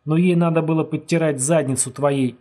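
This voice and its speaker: A man voicing a hot-tempered young male wrestler who yells in rage, with a husky voice. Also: a little high, fairly even intonation, fairly quick, pitched above the performer's own voice, lightly acted. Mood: sneering. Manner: yelling in rage.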